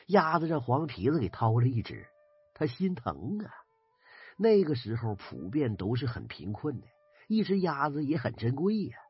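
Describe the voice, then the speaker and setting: A man with a Northeastern Chinese accent telling a folk ghost story in a lively, dramatic way. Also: mid-range voice, no room sound. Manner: lively, dramatic retelling, husky. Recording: dry, slightly dull recording with faint music.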